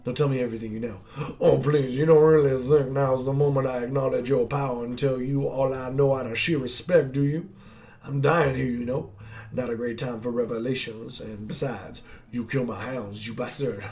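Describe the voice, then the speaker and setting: A man's voice: mid-range voice, fairly even intonation, normal speed, a little mellow, lightly acted. A man voicing a gloating male monster hunter villain in a game, with a theatrical, sneering drawl.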